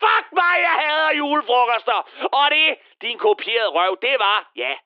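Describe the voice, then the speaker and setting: A bitter middle-aged misanthrope spits out a crude, venomous rant in a high, strained voice. His voice is smooth and carries well. The sound is close and dry, with a slightly dull radio tone. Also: animated, dry recording. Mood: sneering rant. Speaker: comedy character. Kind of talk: satirical radio monologue.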